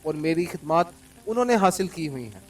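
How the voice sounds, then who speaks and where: A man reading an audiobook, voicing a calm, coldly commanding male secret agent, recorded from a distance over faint music. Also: on the high side, fairly quick. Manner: calm and cold, mocking laughter.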